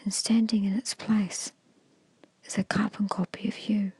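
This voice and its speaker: A woman leads a meditation in a hushed, extremely breathy whisper with a creaky texture, speaking slowly and soothingly like an ASMR hypnosis storyteller. Her pitch is medium and her tone level. The recording is close-miked and very dry.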